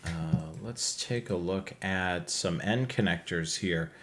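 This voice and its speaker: A man with a low, fairly bright voice speaks slowly while hosting a live show. He walks through products and slides in a casual, conversational way.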